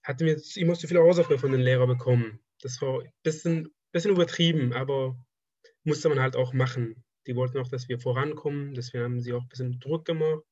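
Speaking in a medium-pitched, steady, darkish voice, a twenties-aged trained draftsman from Afghanistan chats casually in an interview, restarting his sentences often; Persian (Dari) is his first language. The recording is dry with the highs cut off.

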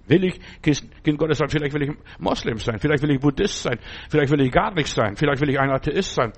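A man's voice: fairly high pitch, animated, brisk. A man preaching a sermon emphatically, repeating phrases and checking in with "ja?". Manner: emphatic, repetitive preaching with tag questions.

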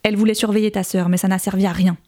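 A coarse middle-aged father full of contempt, voiced by a woman narrating a novel. He speaks bluntly and with false warmth, in a mellow and rather dark voice. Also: mid-range voice, flat delivery, rapid-fire, natural voice. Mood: bitter.

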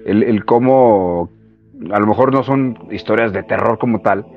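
A man with a Mexican accent, a radio host musing in casual chat with hesitant, reflective pauses. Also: fairly low pitch, soft background music. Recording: slightly muffled radio recording.

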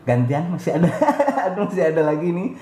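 A man hosting a podcast in a casual conversation, playful and quick to laugh, with many short agreements. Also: a little high, expressive, dark tone. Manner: frequent backchannels, playful, laughs easily. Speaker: podcast host. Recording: echoey room, faint ambient noise.

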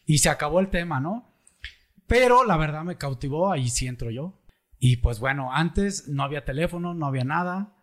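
A man's voice: fairly high pitch, animated, normal speed. A middle-aged man with a Mexican Michoacán accent, hosting a show and telling a personal story in a casual, joking, colloquial way. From La Piedad, Michoacán, Mexico. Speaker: podcast host.

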